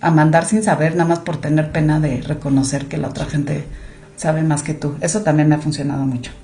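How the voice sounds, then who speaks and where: A woman's voice: low voice, steady tone, a little fast, warm tone, a little hiss or hum. A woman, a guest talking casually on a podcast, chatty with many fillers. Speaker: guest, clinical monitoring director.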